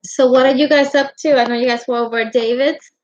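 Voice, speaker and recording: A woman's voice: sits high, fairly even intonation, fast, darkish tone. A middle-aged woman hosting a casual livestream from her home craft room, chatting affectionately and greeting viewers as honey. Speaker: livestream host. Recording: dull lo-fi livestream audio.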